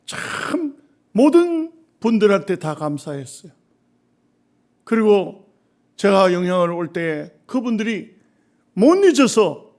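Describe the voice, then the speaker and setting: A middle-aged man, preaching a sermon and telling stories, moving between hushed remarks and loud exhortation. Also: high voice. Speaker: pastor.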